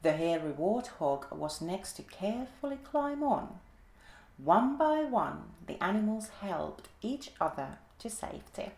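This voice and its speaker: A woman gently and expressively reading a children's story aloud in an echoey room. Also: medium pitch, sing-song, a little slow, creaky, slight background noise.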